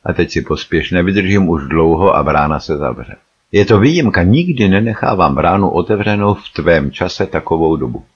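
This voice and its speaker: A man voicing a curt, hurried young woman guide in an audiobook. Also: low-pitched, expressive, lo-fi sound, slight background noise. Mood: urgent.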